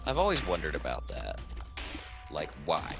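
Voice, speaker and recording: A man's voice: very deep voice, huge pitch swings, normal speed, creaky, a bit bright, soft background music. A man co-commentating a game session in a laid-back, joking way. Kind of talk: casual chat.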